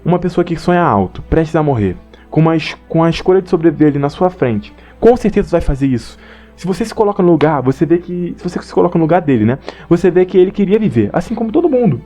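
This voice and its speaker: This anime commentator is a young Brazilian man whose expressive, warm, fairly high voice moves fast over soft background music. He gives his opinions in a loose, slang-filled ramble, reading some of it from notes.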